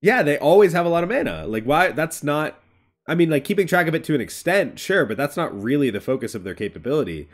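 Animated, blunt man arguing game strategy. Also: on the high side, quick pace. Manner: emphatic, blunt, swears freely. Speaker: podcast co-host. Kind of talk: casual strategy discussion. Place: home room. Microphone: video call.

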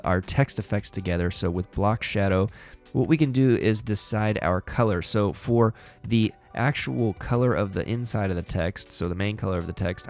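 Young man, low voice, relaxed upbeat tutorial host, studio mic, faint music behind. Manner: relaxed, upbeat, explains step by step. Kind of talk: casual screen-recorded tutorial. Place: small home studio indoors. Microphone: studio mic on boom arm.

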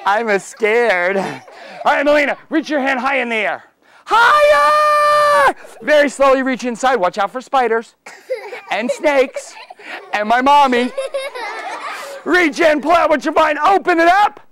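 A man's voice: very high-pitched, moderate pace, a crowd in the background. A middle-aged man performing as a kids party magician, exuberant and theatrical, talking playfully to young volunteers and often raising his voice. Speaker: children's magician. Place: children's library room, performing before seated kids.

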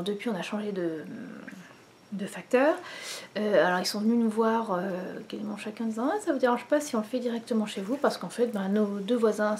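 A knitting vlogger in her thirties from France talks casually and ramblingly to camera, with plenty of fillers and restarts. Her mid-range voice has a darkish tone with a little hiss or hum, recorded indoors in her living room by a camera in front showing head and shoulders.

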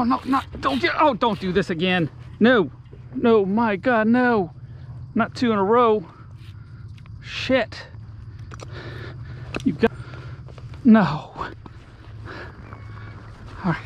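A man filming himself on an action camera while fishing from a kayak outdoors mutters to himself in short exclamations. His voice is high-pitched and expressive, slow with long pauses, with a little hiss or hum in the recording.

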